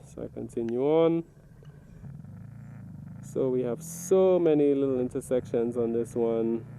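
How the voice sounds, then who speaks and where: A man giving a casual, step-by-step video commentary, explaining things deliberately and pausing mid-sentence. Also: medium pitch, warm tone, a little hiss or hum, rough recording. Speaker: motovlogger reviewing own ride footage.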